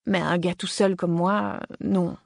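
A man's voice: high-pitched, little pitch movement, unhurried, vocal fry, no room sound, clean studio sound. A man reading an audiobook voices a nervous, slangy nineteen-year-old hiker who is half stoned. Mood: defensive. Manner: slangy, defensive, mumbling.

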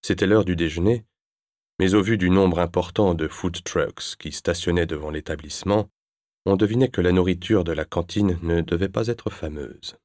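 A man narrating an audiobook chapter in a measured, even storytelling manner, recorded on a close mic. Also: low-pitched, dry recording. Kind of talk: scripted narration.

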